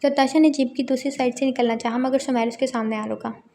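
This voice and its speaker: A woman narrating a romance novel aloud in a steady storytelling manner. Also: high voice, fast talker, slight background noise. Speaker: audiobook narrator.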